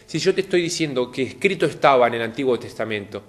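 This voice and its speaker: Animated male preacher. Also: fast talker. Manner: animated, acts out quoted lines with rising pitch; addresses the audience directly. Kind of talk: televised sermon.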